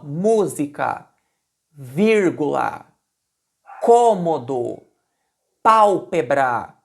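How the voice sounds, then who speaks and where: A woman explaining a language lesson in a conversational way, repeating example words slowly and with loud emphasis, with frequent restarts. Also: medium pitch. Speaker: Portuguese language teacher.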